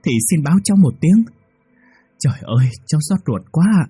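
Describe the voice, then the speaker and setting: A woman's voice: animated, brisk, warm tone, husky, no room sound, heavily acted. A man voicing a scheming woman who wails theatrically, faking grief to the neighbours. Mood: wailing. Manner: shrill, theatrical wailing.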